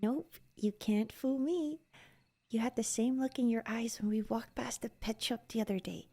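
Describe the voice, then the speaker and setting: In an ASMR roleplay, a woman plays a curious, playful, scholarly young elf. Her voice is soft, breathy and on the high side, delivered at normal speed with a coaxing, teasing manner.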